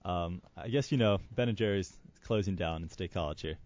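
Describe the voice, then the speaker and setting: A young man with a lowish voice hosts a student morning show. He keeps it easygoing and drops quick short affirmations. The recording is muffled and lo-fi. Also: darkish tone, no room sound. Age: young adult. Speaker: student radio host. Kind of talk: casual morning radio banter. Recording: muffled lo-fi studio mic.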